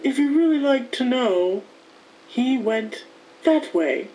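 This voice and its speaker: Woman voicing a sly teasing cat, cartoon dub, highish pitch, very animated intonation, sing-song. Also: rough recording. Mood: playful, teasing. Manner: slow, sing-song, playfully evasive. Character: mischievous, teasing male Cheshire cat, grinning and mad. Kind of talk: cartoon fandub acting. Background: music.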